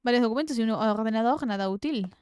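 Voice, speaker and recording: A woman streamer with a Rioplatense accent giving casual gameplay commentary, reading game text aloud and swearing in excited outbursts. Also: on the high side, quick pace, smooth. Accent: Rioplatense Spanish.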